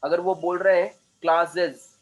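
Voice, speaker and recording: A man's voice: sits high, fairly even intonation, moderate pace, highs cut off. A man teaching a class as a communication trainer, explaining points at length, repeating himself and checking that the students follow. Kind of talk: classroom lecture.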